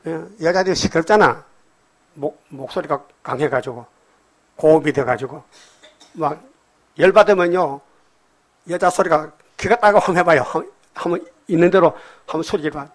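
A man preaching to his congregation, reading scripture aloud and breaking it down in blunt, everyday talk. He keeps prodding his listeners with quick questions. His voice leaps into loud emphatic bursts, then sinks into low murmured remarks. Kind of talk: sermon. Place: church hall with congregation.

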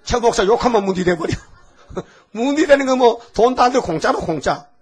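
Husky-voiced older man preaching a sermon. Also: very high-pitched, expressive, brisk. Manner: folksy, theatrical preaching that acts out quoted voices. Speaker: pastor.

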